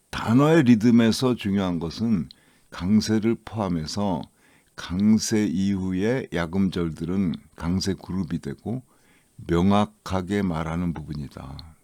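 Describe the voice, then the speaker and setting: A man teaching English listening, explaining each point slowly and drawing out his example words. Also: sits low, mellow, dry recording, studio quality. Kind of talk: lecture.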